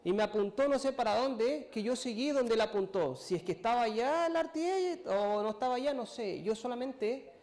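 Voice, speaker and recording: A man giving a sermon testimony, telling a personal story in a halting, emotional way and acting out what people said to him. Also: very high voice, expressive, a little mellow. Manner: storytelling, acts out his own and others' words, emotional, halting. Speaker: preacher.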